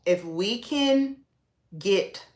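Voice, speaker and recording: A woman's voice: medium pitch, animated, extremely slow, darkish tone. Chatty woman in a roomy echo. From American South. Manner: chatty, preachy asides, addresses viewers as y'all. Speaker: makeup artist and livestream host. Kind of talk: casual livestream chat to viewers.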